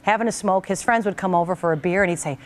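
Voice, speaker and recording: A woman talk show host telling a personal story to her guest, animated and acting out the voices of the people in it. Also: on the low side, fast talker, background noise.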